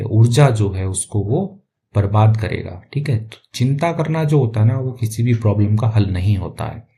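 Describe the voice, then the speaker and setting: A man's voice: medium pitch, warm tone. A man working as an English teacher, reading a story line by line and explaining each phrase patiently, often checking in with the listener. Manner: patient, explanatory, keeps checking with "theek hai".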